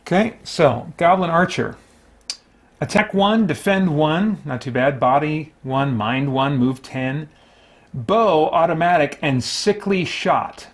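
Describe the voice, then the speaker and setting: Running a solo tabletop game, a man with a fairly high-pitched voice offers casual, unscripted commentary while he plays. He thinks out loud in a halting way.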